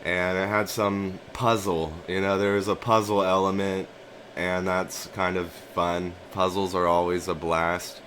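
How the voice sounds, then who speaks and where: Male, deep and unhurried, casual dream storyteller, musing and repetitive, some background hiss. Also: little pitch movement, a bit bright. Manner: musing, halting, repeats and rephrases phrases as he goes. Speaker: narrator of a personal dream journal.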